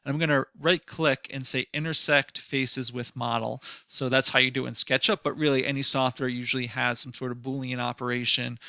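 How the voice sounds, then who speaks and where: Gravelly, bright-voiced man teaching software. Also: mid-range voice, flat delivery, brisk, few pauses, no room sound, studio quality. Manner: thinks aloud while working, loose and conversational, with frequent fillers and restarts; mildly sarcastic at times. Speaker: design instructor. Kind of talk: screen-recorded software tutorial.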